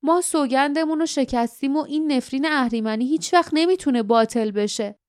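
A woman voicing a sturdy village woman dressed in blue, earnest and regretful, in an audiobook. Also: natural voice. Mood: grieving. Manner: earnest, low murmur of regret.

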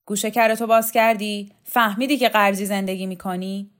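A woman reader voicing a coarse, domineering woman revolutionary leader who talks loudly and with contempt in an audiobook. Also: medium pitch, expressive, close to an everyday voice. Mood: contemptuous. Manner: loud, insulting, contemptuous. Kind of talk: audiobook character voice.

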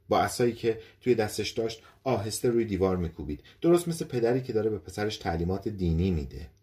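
A man narrating an audiobook story in an expressive storytelling reading. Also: lowish voice. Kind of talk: scripted narration.

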